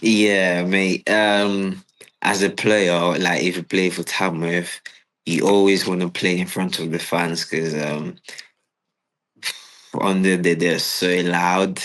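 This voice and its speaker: A young man from Cameroon, a footballer answering interview questions in a relaxed, hesitant way with lots of fillers. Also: sits low, slow, low-quality recording. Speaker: footballer guest.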